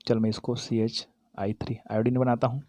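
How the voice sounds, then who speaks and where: A man's voice: mid-range voice, flat delivery, normal speed, a little mellow, dry recording, clean studio sound. A man teaching a chemistry lesson to students, talking directly to them, asking and then answering his own questions, and correcting himself as he goes. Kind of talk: classroom-style lesson, explaining while writing.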